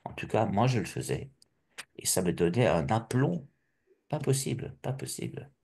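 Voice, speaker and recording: A middle-aged man from Alsace giving a personal testimony, halting and restarting often with repeated words. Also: on the low side, very animated, gravelly, a little mellow, husky. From Alsace, France.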